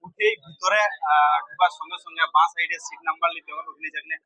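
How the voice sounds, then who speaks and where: A man's voice: on the high side, fast talker, sharp tone, dry recording. A young man narrating a casual travel vlog aboard a ferry, guiding viewers along with lots of fillers. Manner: chatty, guiding, frequent fillers. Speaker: vlogger.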